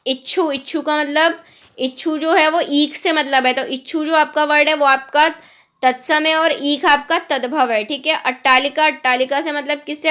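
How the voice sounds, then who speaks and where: A woman teaching a grammar lesson, firing off quick questions and answering them herself, and often checking with "okay?". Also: high voice, bright, forceful tone. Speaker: Hindi teacher. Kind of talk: exam-prep grammar lesson.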